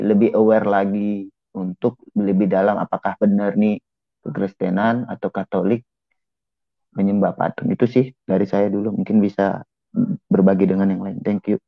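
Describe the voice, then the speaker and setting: Pria bernada agak rendah terdengar lewat saluran telepon yang sempit dan kering. Ia berbicara santai dan tersendat dengan banyak kata pengisi sambil berbagi pendapat dalam diskusi daring. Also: male voice, on the low side, no echo. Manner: hesitant, many fillers and restarts. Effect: heard over a phone line. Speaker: participant in an online group discussion. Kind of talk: casual opinion sharing. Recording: dry, tinny phone-line sound.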